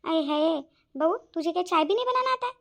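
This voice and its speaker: A woman voicing a bossy, sharp-tongued elderly mother-in-law in a cartoon, talking in a scolding, complaining way. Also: sits high, fast. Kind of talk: cartoon voice acting.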